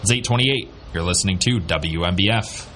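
A man's voice: low-pitched, fairly quick. A man working as a local radio announcer, reading a scripted news, traffic and weather bulletin.

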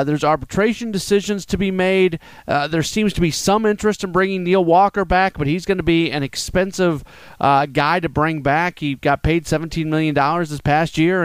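A man's voice: a little high, smooth, dry recording. A man guesting as a sports writer on a baseball podcast, talking in a direct, analytical way. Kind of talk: casual baseball talk.

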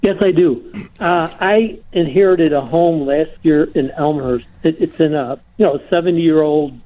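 A man's voice: on the high side, unhurried. A man calling in to a radio show, hesitant and restarting his sentences. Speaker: caller. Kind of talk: phone call to radio show. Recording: tinny phone line.

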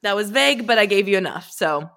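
A woman's voice: mid-range voice, animated, quick pace, fairly bright tone. A woman co-hosting a podcast in casual chat, laughing often and rambling as she loses her words. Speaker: podcast co-host.

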